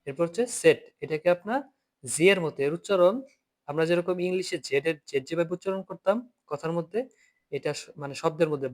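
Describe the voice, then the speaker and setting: A man teaching an online German class by video call, patiently repeating each point and asking students to read aloud. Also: on the high side.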